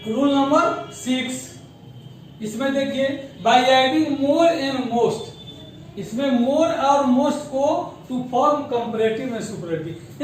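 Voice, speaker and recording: A high-voiced male teacher gives a grammar lesson and breaks words slowly into syllables. He is recorded from a distance in a very echoey classroom, with faint room noise underneath. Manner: mixes English terms into Hindi. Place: school classroom.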